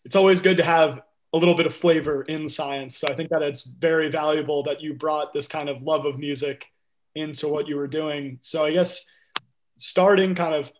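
A man hosting a podcast, asking questions in an upbeat, casual way. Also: on the high side. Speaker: podcast host.

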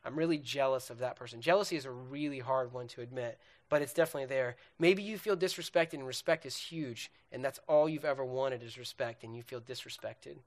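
A young man with a medium-pitched voice delivers an earnest, conversational sermon about relationships, talking briskly with hardly any pauses. He addresses his listeners directly, often checking in with "right?", and lists questions and feelings one after another.

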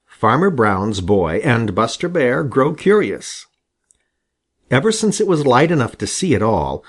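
A man narrating a children's storybook with a lively, animated reading. His pitch sits mid-range but rises and falls constantly as he tells the tale. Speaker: audiobook reader.

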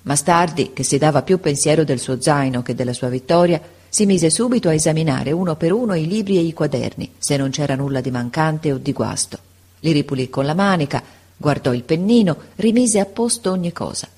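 Husky-voiced woman narrating a classic story. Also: sits low. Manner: measured, expressive reading.

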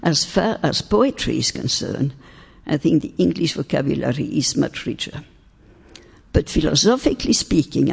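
The speaker is an older woman, French by first language, addressing faith and philosophy in a lecture hall. Her voice is low, gravelly and darkish with a breathy edge, and she speaks deliberately, with emphasis and stretched key words. Long hall reverb fills the recording.

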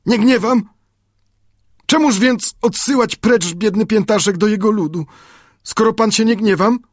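Guy putting on a pleading young islander voice, way higher than his own, broken simple phrases, husky. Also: unhurried, dry recording, studio quality. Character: earnest devoted young islander man, broken speech. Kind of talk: audiobook character voice.

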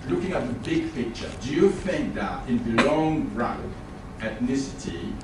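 A man's voice: medium pitch, big pitch swings, unhurried. Echoey, distant Ivorian-accented man asking questions. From Côte d'Ivoire. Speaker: audience member asking questions. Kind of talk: formal multi-point question from the floor. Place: echoey room at a public talk. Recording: very echoey, distant, noisy room pickup.

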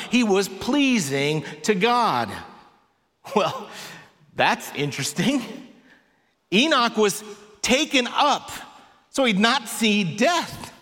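A man preaching in a slow, easy, conversational way, his voice sitting fairly high for a man. He slips in wry asides along the way. The sound carries the long ring of a big church sanctuary. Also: bright, forceful tone. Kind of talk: sermon. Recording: long reverb of a large hall.

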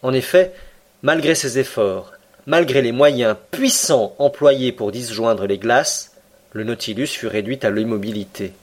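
A man narrating a classic novel as an audiobook, even and measured. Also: mid-range voice. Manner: even, measured, literary reading.

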